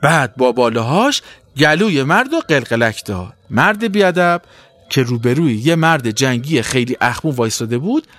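Male narrator for kids' stories, lively rise and fall, dry close sound. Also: on the high side, dry recording. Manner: expressive, animated. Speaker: storyteller. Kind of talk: children's story narration.

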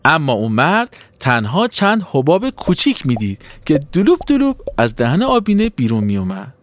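Animated male storyteller for children. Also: a little high, dry recording. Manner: expressive, animated.

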